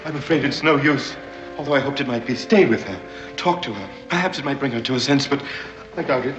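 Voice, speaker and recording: An actor playing a grandiloquent English gentleman devoted to a sun god, telling a curse with formal, theatrical diction in a 1960s TV western drama. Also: mid-range voice, fairly quick, over music, lightly acted. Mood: haughty. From England. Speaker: fanatical Englishman guarding Aztec gold. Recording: echoey, dull 1960s TV soundtrack.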